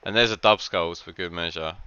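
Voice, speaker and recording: A man's voice: sits low, brisk, sharp tone, smooth, muffled recording. A man giving casual commentary on a game match, rambling with lots of filler words and frequent laughs.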